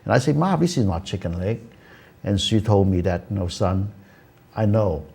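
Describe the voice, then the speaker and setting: A Hong Kong-born man in his seventies hosts a talk show in a casual chat, earnestly telling a personal story full of "you know"s and "uh"s. His lowish voice has vocal fry and a darkish, slightly rough tone at normal speed, recorded in a community access TV studio.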